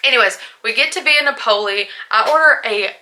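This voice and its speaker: A woman's voice: a little high, a little fast, sharp tone. A young woman chatting candidly in a casual vlog, a little tipsy, full of asides and likes. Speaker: vlogger.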